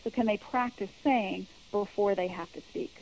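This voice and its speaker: A woman's voice: medium pitch, normal speed, a little mellow, rough recording. Woman public speaking coach, earnest, explains step by step, keeps repeating the main point. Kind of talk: interview answers.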